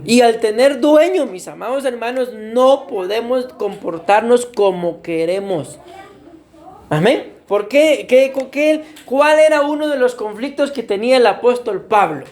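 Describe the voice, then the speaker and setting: A man's voice: very high-pitched, expressive, measured pace, darkish tone. A man preaching a sermon as pastor, often addressing his congregation as beloved brothers and putting questions to them. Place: church.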